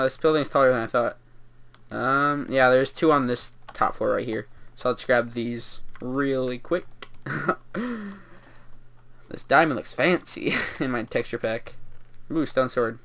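A man's voice: mid-range voice, fairly bright tone. A young man giving casual, rambling commentary while playing a video game, with lots of fillers and laughter. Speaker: gameplay commentator.

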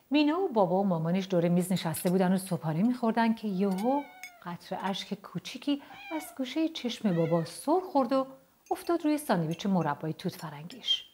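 A young adult woman telling a children's story with lively, expressive narration. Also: medium pitch, slight background noise.

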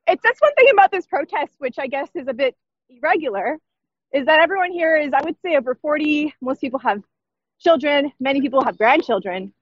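A young woman reports from a city street outdoors, speaking into a phone held at arm's length. Her voice is high, and the sound is dull and dry. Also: lively intonation, fairly quick, no room sound. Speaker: roving reporter. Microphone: phone camera at arm's length.

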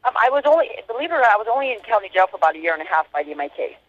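A woman's voice: medium pitch, sing-song, racing. A woman speaking over a prison phone line, answering interview questions hesitantly with frequent ums. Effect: heard over a prison phone line. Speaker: inmate interviewee.

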